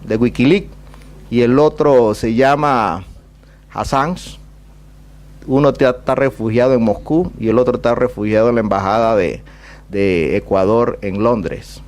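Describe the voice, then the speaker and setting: Male diplomat, Caribbean Spanish accent of Panama, mid-pitched, discursive and rhetorical public speaker. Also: measured pace, a little mellow. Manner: discursive, rhetorical questions, emphatic repetition. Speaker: ambassador giving a talk. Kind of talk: public talk with question and answer.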